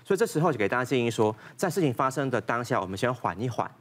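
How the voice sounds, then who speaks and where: A man's voice: medium pitch, very animated, racing. A man, a doctor on a talk show, giving step-by-step parenting advice with case stories. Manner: gives numbered advice with case stories, laughs often. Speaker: doctor guest.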